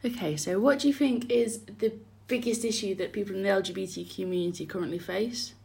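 A woman's voice: mid-range voice, fast, vocal fry, darkish tone. A young woman, casually hosting a group discussion and giving her views. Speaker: discussion host. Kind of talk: casual chat.

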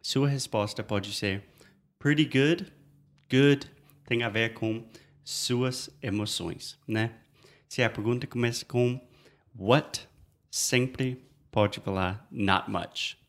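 A man's voice: mid-range voice, gravelly. A man whose first language is English, co-hosting an English lesson and modeling phrases patiently, often repeating "perfect". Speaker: English teacher, co-host. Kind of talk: bilingual lesson chat.

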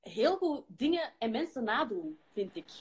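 A young woman with a Flemish accent chatting on a live stream, lively and self-mocking. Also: on the high side, a little slow. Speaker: pop group member hosting a live stream. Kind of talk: casual chat. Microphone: phone on a live stream.

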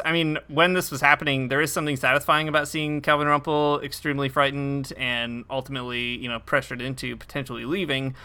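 A man's voice: mid-range voice, sharp tone, clean tone. A man co-hosting a podcast, chatting casually about a TV episode, laughing often and restarting his sentences. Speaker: podcast co-host.

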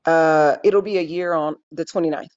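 A woman's voice: sits low, steady tone, moderate pace, darkish tone, muffled recording. A woman calling in about her divorce, giving short, guarded answers. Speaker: caller.

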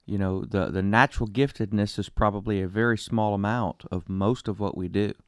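Low-voiced man, thoughtful and affirming. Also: fairly even intonation, brisk, dry recording, studio quality. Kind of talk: casual conversation.

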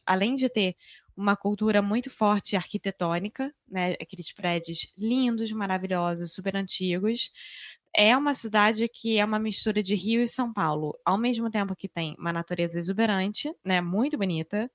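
Woman, Brazilian accent, podcast co-host, casual chat, expressive, dry recording. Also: mid-range voice, dry recording. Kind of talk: casual conversation.

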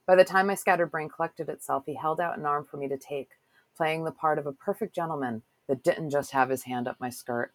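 A woman's voice: sits low, brisk, dry recording, poor audio. A woman hosting a casual interview with a chatty, curious, self-deprecating manner, who also reads a passage aloud. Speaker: podcast host.

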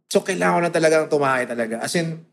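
A man's voice: fairly high pitch, fast talker, vocal fry, a bit bright. A man in casual conversation who agrees often and restarts his sentences. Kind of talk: casual chat.

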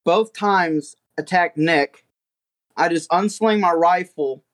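Brief: tabletop player, mid-pitched voice, descriptive and eager. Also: slow pace. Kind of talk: tabletop game play.

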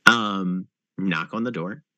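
A man with a fairly low voice runs a tabletop game as its storyteller. He narrates slowly, filling the gaps with thoughtful hums. His voice sounds dry and close, with no room echo. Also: pushed and bright, muffled recording. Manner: unhurried, with many thinking pauses. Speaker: game master.

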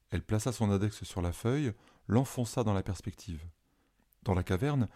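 A man reading a children's story aloud as narrator in a calm, steady way. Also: on the low side.

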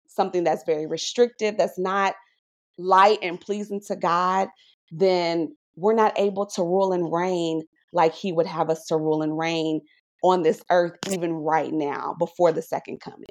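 A woman sharing her faith testimony in a podcast conversation, animated and preacherly, often checking in with "right?". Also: lowish voice. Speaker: podcast guest.

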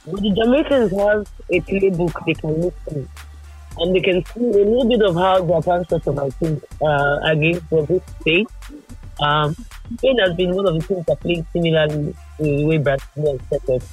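A man with a Nigerian accent, a football pundit guest in casual chat, his voice muffled as if heard through a wall because his mouth is pressed right on the mic. He mixes pidgin into quick, lively analysis. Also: on the high side, slightly rough, faint music behind.

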